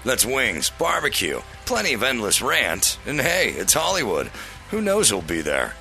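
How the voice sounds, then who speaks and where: Male promo announcer, booming prize-giveaway delivery, gravelly fry, music underneath. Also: huge pitch swings, unhurried, pushed and bright.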